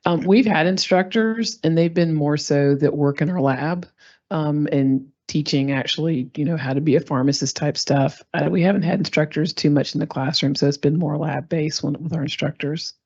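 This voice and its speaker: A woman's voice: low voice, moderate pace, a little mellow. A woman from a pharmacy faculty speaking casually at a meeting while losing her voice. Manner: casual, informal. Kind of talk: meeting comment. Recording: dull lo-fi meeting recording.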